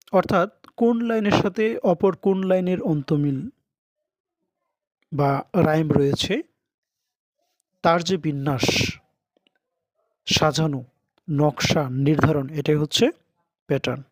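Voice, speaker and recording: A man teaches English at a slow, unhurried pace. He reads each line deliberately and then explains it in Bengali. The sound is close and dry, with no room around it. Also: fairly high pitch, no echo. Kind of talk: recorded lesson.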